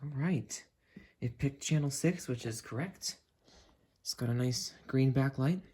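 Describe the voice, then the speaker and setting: In an unhurried, dark-toned voice of middle range, a gadget video host works through a relaxed hands-on review, handling the item as they talk. Clicks, handling sounds and general noise come through on this indoor home recording.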